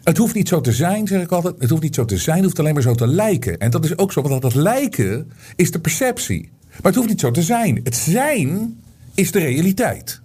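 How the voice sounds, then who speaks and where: A middle-aged man hosting his own online show, talking straight to his viewers in a loose, rambling monologue full of fillers and restarts that grows animated when he argues a point. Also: fairly high pitch, fairly quick, breathy edge.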